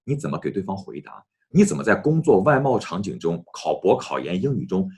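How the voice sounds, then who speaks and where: A man teaching an English lesson, often addressing his students and slowly repeating English phrases for them to copy. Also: sits low, very animated, darkish tone, slightly rough.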